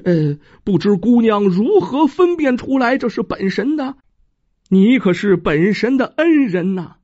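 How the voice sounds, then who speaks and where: A storyteller doing a slow, pompous mountain god. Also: male voice, high-pitched, big pitch swings, darkish tone, heavily acted. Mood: courteous. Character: ugly green-faced mountain god, stern. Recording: dull dry lo-fi recording.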